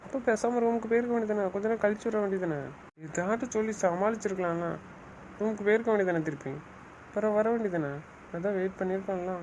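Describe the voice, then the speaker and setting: An actor playing a stern, protective young husband and brother who gives short orders. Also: male voice, sits high, darkish tone, lo-fi sound, slight background noise, close to an everyday voice. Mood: scolding. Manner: brisk, bossy, gives orders. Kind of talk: family web-series drama acting.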